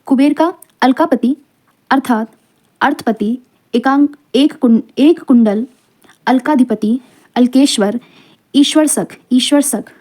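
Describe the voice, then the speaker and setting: A woman teaching an exam-prep lesson, reading out long lists of words one by one with quick explanatory asides. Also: high voice, warm tone.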